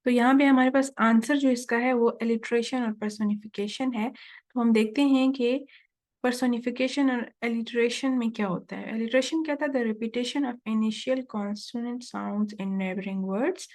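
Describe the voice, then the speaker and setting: Woman teaching at a slow, higher pitch. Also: fairly even intonation, a little mellow. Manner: explains in Urdu-Hindi, reads English questions slowly. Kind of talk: test-prep lesson.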